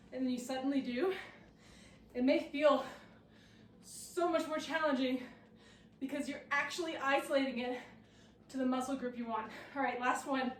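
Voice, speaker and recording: A high-pitched woman coaches a workout while exercising alongside. She sounds winded and encouraging. The recording is roomy, and she sits back from the mic. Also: recorded from a distance. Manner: encouraging, breathless between exercises. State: out of breath. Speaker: fitness coach. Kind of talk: workout instruction.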